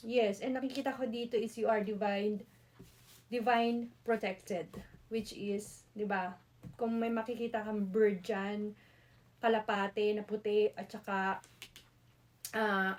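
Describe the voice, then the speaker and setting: A woman with a Filipino accent doing a casual tarot reading, chatty, mixing Tagalog and English with frequent "no?" tag questions. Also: a little high. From Philippines. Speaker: tarot reader.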